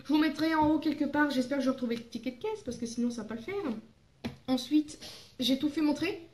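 Young female beauty vlogger from France, high voice, casual and chatty, stumbles over her words. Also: a little fast, a little mellow, echoey room. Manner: chatty, rambling, fillers and self-corrections. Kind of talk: casual haul vlog.

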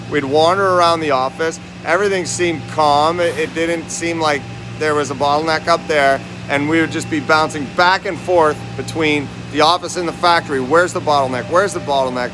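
A man in his forties walks through a factory on a phone vlog, talking straight to viewers as a lean manufacturing consultant and quizzing them with questions. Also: a little high. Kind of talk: walking factory-tour vlog. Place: large indoor factory warehouse. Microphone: phone held at arm's length, selfie framing.

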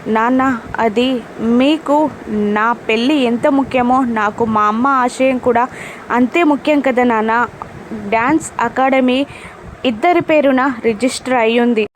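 A woman's voice: fairly high pitch, moderate pace, long pauses, a little hiss or hum, natural voice. A woman voicing a timid young woman who hesitates and pleads. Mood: pleading.

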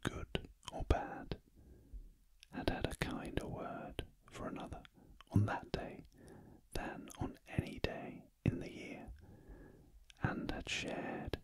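A man with a British accent reads a classic story aloud as ASMR in a very gentle, breathy, unvoiced whisper, close to the listener's ears. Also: dry recording. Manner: very gentle, hushed, deliberate. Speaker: audiobook narrator. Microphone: close ear-to-ear stereo microphone.

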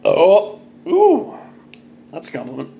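Slow and high-pitched with vocal fry, this man in his thirties hosts an improvised beer review vlog, recorded at arm's length on a phone or webcam in a home kitchen. He jokes and exclaims animatedly, tossing in muttered asides.

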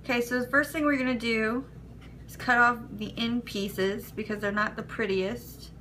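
A woman's voice: on the high side, steady tone, normal speed, sharp tone, slight background noise, low-quality recording. A woman hosting a casual cooking demonstration, walking through each step in an easygoing, chatty way. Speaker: cooking video host.

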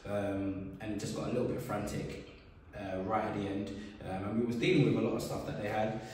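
A man, a football manager giving a relaxed post-match interview full of fillers. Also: lowish voice, brisk, slight background noise. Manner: relaxed, many fillers and "sort of". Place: bare indoor room by a wall, seated. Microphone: camera a few feet away. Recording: echoey room from far off.

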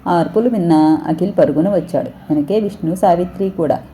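A woman reading a story aloud as narrator, steady and even. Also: lowish voice, brisk, a little hiss or hum.

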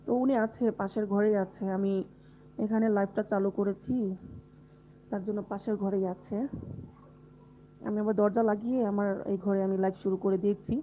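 A woman's voice: mid-range voice, flat delivery, moderate pace, pauses often, slight background noise. Feverish woman chatting on a tinny live stream. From Bangladesh. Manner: chatty, answers viewer comments, laughs often. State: unwell with fever and body aches. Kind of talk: casual live-stream chat with viewers. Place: closed room at home.

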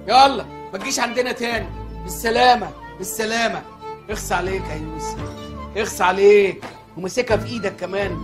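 A man acting out a fretful, God-fearing Egyptian chicken seller in a TV comedy, his voice pitched very high as he rattles off scolding and pleading lines at a brisk clip. A music score plays under him. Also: close to an everyday voice. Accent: Egyptian Arabic. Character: pious, fussy male chicken-shop owner and anxious father. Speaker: comic lead in a TV comedy series.

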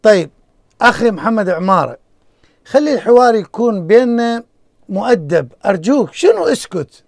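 A man hosting a call-in debate, pleading and repeating himself to calm a heated guest. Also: high voice, normal speed, dry recording. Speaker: debate show host.

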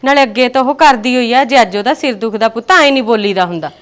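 An actress playing a gentle, patient village mother-in-law who soothes and placates her daughters-in-law. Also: a little high, quick pace, close to an everyday voice.

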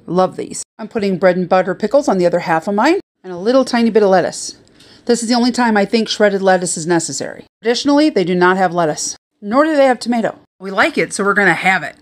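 A woman's voice: mid-range voice, lively intonation, fast. An older woman, a retired chef, talking through a home cooking tutorial in a chatty, upbeat way, filmed on a phone at arm's length in her kitchen. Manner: chatty, upbeat, step-by-step explaining. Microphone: phone held at arm's length.

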